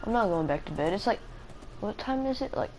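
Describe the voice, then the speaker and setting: A woman's voice: medium pitch, lively intonation, fairly quick, dark tone, a little hiss or hum, poor audio. A sleepy, tired woman rambling hesitantly in casual chat as a live streamer, with many fillers.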